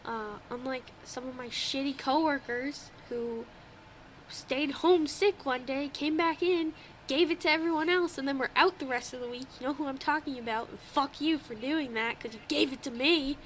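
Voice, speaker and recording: Over slight background noise from an old home microphone, a young woman co-hosts a casual podcast chat. Her high voice moves at a moderate pace and sounds congested, and she swears freely and laughs a lot.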